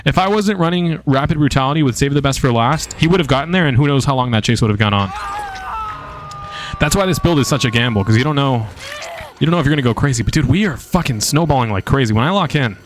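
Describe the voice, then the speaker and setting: A man streaming a video game and commentating live, casual and excitable, swearing freely. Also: mid-range voice, fast talker.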